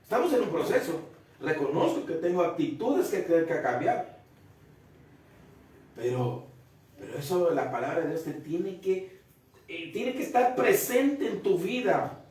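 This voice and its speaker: A man's voice: fairly high pitch, big pitch swings, unhurried, long pauses, a little mellow, recorded from a distance. A man preaching a family Bible study sermon, earnestly repeating phrases and putting questions to his listeners. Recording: very echoey room, voice from off the mic.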